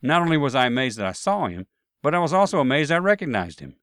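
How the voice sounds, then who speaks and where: A man recounts his travel mishaps with dry, self-deprecating humor, at an ordinary pitch for a man. He speaks close to the mic in a dead, dry room with no echo. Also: sing-song, fast talker, fairly bright tone. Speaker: storyteller. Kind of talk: first-person anecdote narration.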